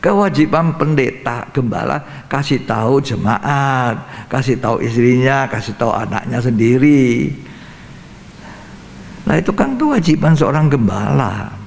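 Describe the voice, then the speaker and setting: Older pastor with a gravelly voice. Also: male voice, mid-range voice, animated, a little slow. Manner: emphatic, repetitive, acts out scenes. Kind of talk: Bible study sermon. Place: church hall. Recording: reverberant church hall, faint noise.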